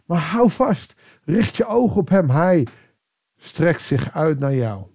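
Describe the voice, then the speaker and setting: Reflective preacher man, fairly high voice. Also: sing-song, muffled recording. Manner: reflective, pausing, with emphatic rises and quiet drops. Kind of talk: devotional sermon.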